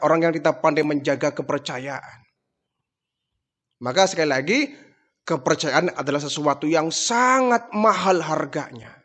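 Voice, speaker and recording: A male preacher delivering a sermon, telling a moral story in a lively way with frequent affirming tags. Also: high-pitched.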